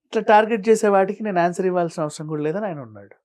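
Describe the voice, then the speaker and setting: A man answering as an interview guest, arguing his point with a stream of pointed rhetorical questions and shifting from calm explaining to heated. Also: high voice, rapid-fire. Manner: argumentative, fires rhetorical questions. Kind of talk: studio interview.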